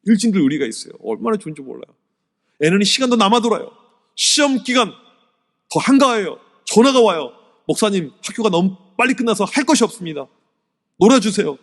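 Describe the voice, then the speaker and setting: Male pastor, fairly high voice, lively storyteller, church hall reverb, seminar talk to teachers. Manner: animated storytelling, swings from loud to hushed. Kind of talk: sermon-style teacher seminar lecture. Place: church sanctuary.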